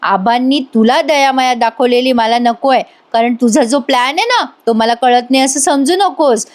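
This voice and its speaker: Brief: woman reading as a gloating young husband, childish and smug, slow drawn-out taunts, slightly high voice. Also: natural voice. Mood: taunting.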